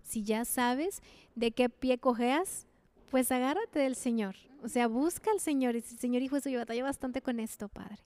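A woman speaks in a mellow, rather dark tone, but her pitch sits somewhat high. She explains her faith patiently, quotes scripture, and often agrees with her co-host. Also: normal speed.

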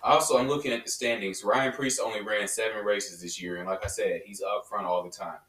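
A man co-hosting a casual motorsport podcast, giving relaxed, matter-of-fact opinions. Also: fairly low pitch, a little fast. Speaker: podcast co-host. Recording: roomy, distant mic.

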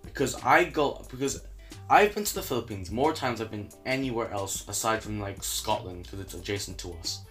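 A young man hosting a casual podcast chat, rambling and correcting himself with a tired, low-energy delivery. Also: expressive, moderate pace, fairly bright tone, faint music behind. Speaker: podcast host.

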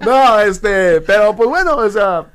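A man's voice: sits high, lively intonation, takes it slowly, background noise. A man with a Mexican accent hosting a casual podcast, bantering in profane, joking slang. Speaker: podcast host.

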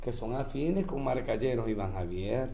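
Animated Venezuelan man, echoey room. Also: medium pitch, moderate pace, gravelly, crowd noise. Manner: animated storytelling, mimics regional accents, laughs often. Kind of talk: casual chat. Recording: echoey room with faint noise.

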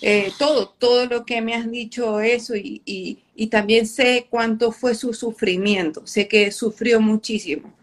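A woman's voice: on the high side, fairly even intonation, unhurried, few pauses. A woman speaking earnestly and gratefully as a guest in a spiritual reading, emotional as she talks. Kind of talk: emotional conversation.

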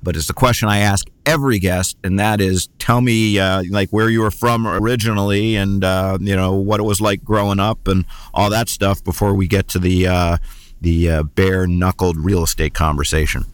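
Male interview host, very deep voice, folksy and rambling. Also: steady tone, moderate pace, smooth, no room sound. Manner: rambling, folksy, many fillers. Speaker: podcast host. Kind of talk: interview podcast.

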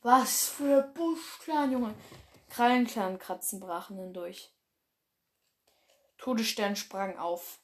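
A woman reads her own animal fan story aloud, stumbling and correcting herself often and tossing in casual, slangy asides. Her voice is medium-pitched and slow, with long pauses.

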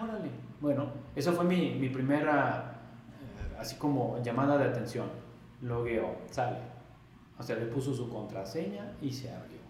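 A Mexican man telling a story in a casual interview, acting out past conversations in a livelier voice. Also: mid-range voice. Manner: animated, acts out past dialogue in raised voice. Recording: very echoey room, faint noise.

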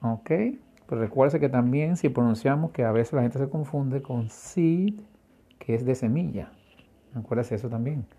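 Male English teacher, husky and mellow, patient, spells words out letter by letter. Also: mid-range voice, normal speed. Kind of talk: language lesson.

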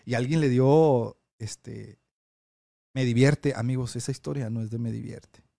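A man's voice: mid-range voice, unhurried, creaky. Chatty man telling stories. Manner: rambling, animated storyteller with many fillers. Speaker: podcast co-host. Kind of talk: casual chat, storytelling.

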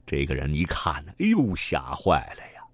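Deep-voiced guy reading a kids story, super expressive, dry close sound. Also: husky, dry recording. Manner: animated, sing-song with drawn-out particles. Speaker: children's storyteller. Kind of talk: storytelling for children.

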